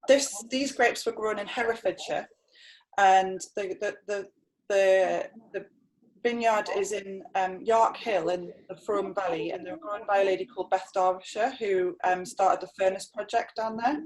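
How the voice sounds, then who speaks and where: A woman's voice: mid-range voice, normal speed, slight background noise, poor audio. A young adult woman winemaker from North East England, explaining her wine in a webinar with many fillers and restarts. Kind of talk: webinar tasting talk.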